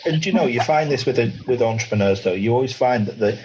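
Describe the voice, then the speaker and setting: A man's voice: medium pitch, lively intonation, fast talker, a little mellow, husky. A man hosting a podcast interview, chatty and friendly, often restarting his phrases. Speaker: podcast host. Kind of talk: casual interview.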